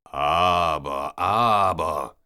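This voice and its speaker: A man's voice: deep voice, drawn-out words, bright, forceful tone, smooth, full character voice. A man voicing an authoritative male police officer. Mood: commanding. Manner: authoritative, then concerned.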